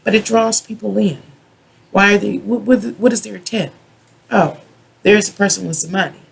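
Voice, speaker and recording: A tarot reader from the United States with a husky, raspy voice that often drops into gravelly fry. The delivery is a rambling, drunken rant, stopping and starting, stretching words and circling back over the same points. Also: medium pitch, fairly even intonation. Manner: self-described drunken ranting, halting with drawn-out words and repetition. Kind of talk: rambling monologue tarot reading.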